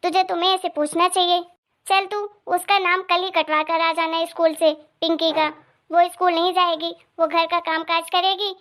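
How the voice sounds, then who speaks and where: A woman voicing a nagging grandmother in an animated cartoon who scolds her granddaughter and favors her grandson. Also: very high voice, normal speed. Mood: scolding. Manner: scornful, nagging, sharp-tongued.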